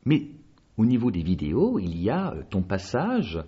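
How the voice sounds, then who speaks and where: A man hosting a radio interview, asking questions with animated emphasis. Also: lowish voice, normal speed, husky, muffled recording. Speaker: radio host.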